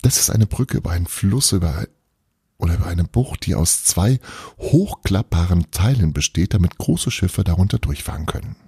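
A man narrating a Christmas audiobook chapter in a lively, playful storytelling manner. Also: low voice, normal speed, slightly rough, dry recording, studio quality.

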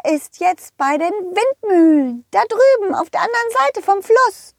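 A woman's voice: normal speed, creaky, no room sound, studio quality, exaggerated voice. A woman voicing a playful, teasing female pink horse in a children's audio story. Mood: chatty. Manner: teasing, giggly, high and excited.

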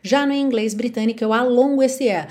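A woman's voice: on the high side, brisk, a little mellow. A woman with a Brazilian Portuguese accent, an English teacher giving an upbeat online pronunciation lesson through songs. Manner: enthusiastic, demonstrates by singing lyric lines.

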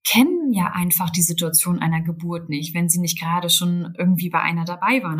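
A woman's voice: fairly low pitch, husky. A woman from Berlin, a birth doula, explaining things thoughtfully as a podcast guest. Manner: thoughtful, explanatory, many fillers. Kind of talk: podcast interview.

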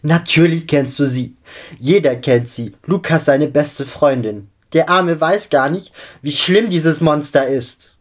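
A man's voice: mid-range voice, unhurried, a little mellow, natural voice. A man voicing a distraught young schoolgirl who sniffles, stutters and panics in a storybook reading. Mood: desperate.

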